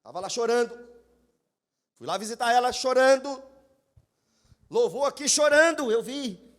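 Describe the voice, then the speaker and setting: A man's voice: extremely high pitch, expressive, measured pace. A Brazilian man preaching a sermon to his congregation as pastor, emphatic and speaking to them directly. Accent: Brazilian Portuguese. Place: church sanctuary.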